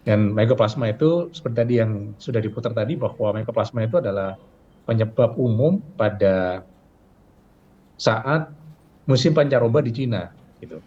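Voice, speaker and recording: A man's voice: medium pitch, expressive, normal speed, mellow. A middle-aged man, a health official, explaining patiently in a broadcast interview, with fillers and rhetorical questions. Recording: dull lo-fi sound with faint noise.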